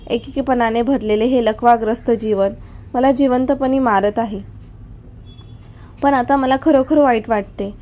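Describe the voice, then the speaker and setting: A woman's voice: a little high, steady tone, a little slow, warm tone, close to an everyday voice. A woman voicing a remorseful, paralysed old man who pleads for forgiveness in a storybook reading. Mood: pleading. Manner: pleading, apologetic.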